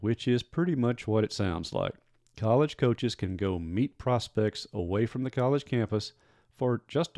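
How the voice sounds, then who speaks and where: A man's voice: mid-range voice, darkish tone, no room sound, clean studio sound. A man hosting a solo sports podcast in a wry, conversational way, with self-mocking asides. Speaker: sports beat reporter and podcast host.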